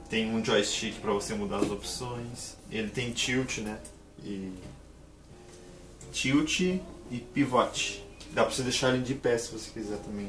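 A man casually explaining and unboxing a computer monitor for his vlog, talking in a chatty, excited way. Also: lowish voice, distant mic. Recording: roomy echo, a bit off-mic.

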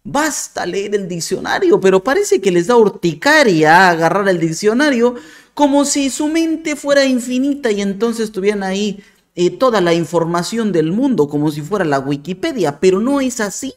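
A man's voice: high-pitched, lively intonation, moderate pace. A man giving sarcastic, argumentative commentary to camera as a video commentator. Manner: sarcastic, mocking.

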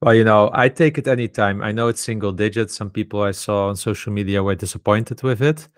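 A man's voice: fairly low pitch, brisk, dry recording. A man co-hosting an investing podcast, talking casually and often saying "you know" and "I mean". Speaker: podcast co-host.

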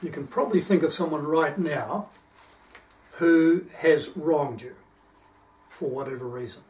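A man delivers a sermon in a slightly high voice, earnest and explanatory, pausing to unpack each verse. He sounds distant from the microphone, as if picked up from across a church hall. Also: darkish tone. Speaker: preacher. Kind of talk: sermon with scripture reading.

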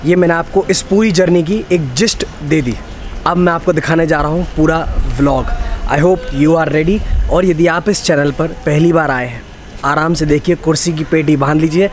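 A young man in his twenties gives an upbeat travel vlog, holding the phone at arm's length and reeling off figures. His voice sits fairly high. Station and train noise come through clearly behind him. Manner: upbeat, explanatory, rattles off numbers and facts. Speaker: travel vlogger. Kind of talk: casual travel vlog narration. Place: railway platform and inside a train coach. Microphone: phone camera at arm's length. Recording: noisy station phone recording.

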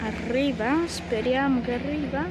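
A woman giving casual, halting vlog commentary on a phone at an outdoor railway station, often trailing off. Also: high-pitched, very noisy. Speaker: train-spotting vlogger. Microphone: handheld phone, speaker off camera.

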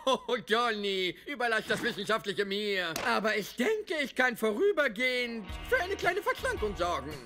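A smug, bumbling fat man drawls in a very high, bright, lively voice. Faint music plays behind. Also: normal speed, hardly any pauses, full character voice.

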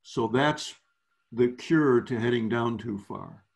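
A man of ordinary pitch explains things patiently over a video call, backing up and restarting his sentences as he goes. He sounds like a coach walking newer learners through a lesson. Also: takes it slowly, gravelly. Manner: explanatory, restarts phrases often. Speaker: sailing clinic instructor. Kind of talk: virtual clinic teaching.

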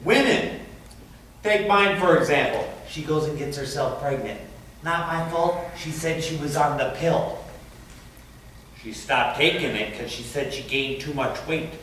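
In a stage performance, a man plays a crude, prying stranger on a park bench who rants bluntly and vulgarly. His voice is a little high, a bit bright and slightly slow, and he sounds far from the mic in a very echoey space with faint hiss.

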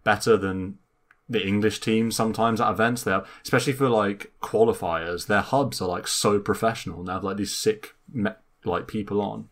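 Chatty low-voiced man hosting a podcast. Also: steady tone, normal speed, a bit bright. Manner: chatty and enthusiastic, many fillers. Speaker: podcast host. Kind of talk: casual podcast chat.

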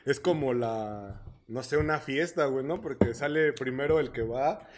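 A man's voice: mid-range voice, normal speed. Young Mexican man telling a story. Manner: animated storyteller, acts out quoted voices. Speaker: podcast co-host. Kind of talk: casual storytelling chat.

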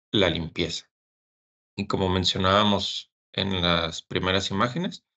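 Over a webcam, a service engineer presents a technical webinar, speaking haltingly with fillers and repeated words. His voice sits low and is a bit bright, but the recording is muffled.

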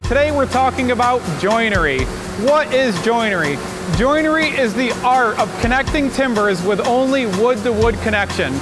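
A man in his forties on a lapel mic, giving a steady, informative presentation while touring a timber frame workshop. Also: very high voice, normal speed. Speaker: company presenter giving a shop tour. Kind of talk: scripted explanatory presentation. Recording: loud background music.

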